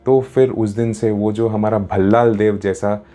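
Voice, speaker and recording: Low, mellow-voiced male storyteller. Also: fairly even intonation, unhurried. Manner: chatty, mixes in English words. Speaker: storyteller and happiness coach. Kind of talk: casual storytelling.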